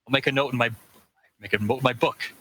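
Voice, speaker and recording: Bright-voiced hesitant man at play. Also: mid-range voice, steady tone, quick pace. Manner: curious, hesitant with many fillers. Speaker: player. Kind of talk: playing a tabletop game, casual chat.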